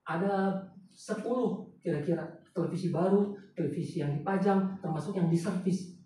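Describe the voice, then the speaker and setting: A man's voice: sits high, normal speed, mellow. Chatty man preaching in an echoey hall. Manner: chatty, often turns to the congregation with questions. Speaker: pastor. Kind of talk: storytelling sermon. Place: large church hall. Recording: very echoey hall, voice picked up from far off, faint noise.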